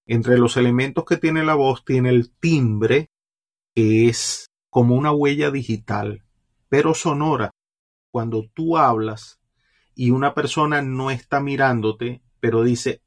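A man hosting a public speaking podcast, teaching straight to the listener and swinging his loudness and pace to demonstrate. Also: mid-range voice, measured pace. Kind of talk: instructional podcast talk.

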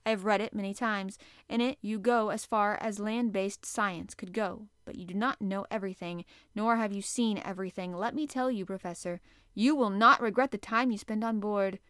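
A woman reading aloud, voicing a stern, proud male sea captain who speaks coldly and forcefully. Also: mid-range voice, steady tone, clean tone, dry recording, clean studio sound, lightly acted. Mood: grand. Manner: cold, measured, forceful.

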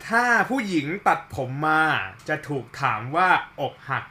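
A man's voice: fairly high pitch, very animated, a little slow, sharp tone. A man hosting a casual podcast with friends, reading out facts politely to listeners and then joking loosely and swearing with his guests. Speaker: podcast host.

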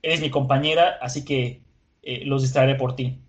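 A man's voice: mid-range voice, fairly even intonation, normal speed, lightly acted. A man voicing a loyal young male swordsman who speaks bluntly and plainly. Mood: determined.

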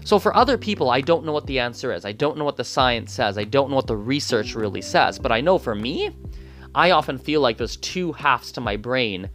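A Canadian polyglot vlogger whose first language is Gujarati talks through his thoughts in a casual, rambling monologue packed with restarts and asides. His voice is mid-range and a bit bright.

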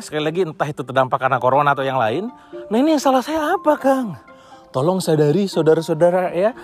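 Man, business coach, motivational lesson, blunt, slangy, talks straight to listeners, slightly high voice.

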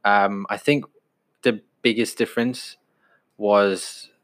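A man in his twenties from Denmark, chatting on a podcast. His voice sits low, and he tells his stories in a relaxed, unhurried way, sometimes restarting a sentence. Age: 20s. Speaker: podcast co-host. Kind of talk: casual chat.

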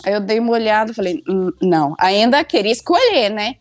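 A woman's voice: mid-range voice, a little fast, no echo, soft background music. A young woman tells a funny story casually, acting out her own lines. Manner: animated, acts out her own past lines.

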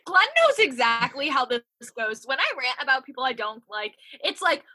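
A young woman co-hosting a casual podcast, ranting with plenty of swearing. Her voice sits high and bright. It swings widely up and down as she vents. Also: normal speed, husky. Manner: ranting, profane, animated. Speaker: podcast co-host.

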